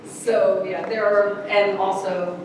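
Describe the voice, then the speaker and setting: A woman's voice: mid-range voice, level tone, takes it slowly, a little mellow. Playful woman moderating, echoey distant hall. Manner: playful, joking, laughs often. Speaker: panel moderator. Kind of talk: convention panel talk. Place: large echoey convention room. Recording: echoey hall recording from far off, with noise.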